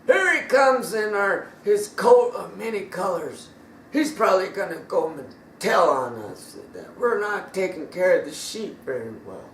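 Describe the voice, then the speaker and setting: Jealous, scheming brothers shout their grudge in high, swooping voices, as a man puts them on. The sound comes from a distance in an echoey room. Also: measured pace, a little hiss or hum, exaggerated voice. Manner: raised, excited shouting.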